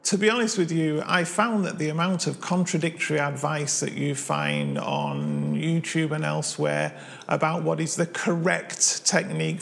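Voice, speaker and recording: Talking casually to camera on his own channel, a man in his forties from Manchester with a Mancunian accent tells chatty, self-deprecating, friendly stories about his piano hobby. He has a fairly high voice with vocal fry. A lapel mic picks him up in a living room.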